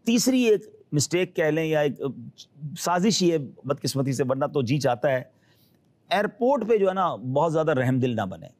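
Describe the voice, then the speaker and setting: A man's voice: on the high side, sing-song, a little mellow. A man being interviewed, giving earnest, cautionary advice and acting out the people he quotes. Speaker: guest advising pilgrims. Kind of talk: advisory interview talk.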